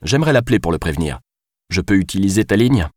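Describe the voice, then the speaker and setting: Man reading, doing a bossy man investigator in a rush, low voice lifted a bit, dry. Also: expressive, quick pace, darkish tone, dry recording. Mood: commanding. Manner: firm, commanding. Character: hurried male investigator.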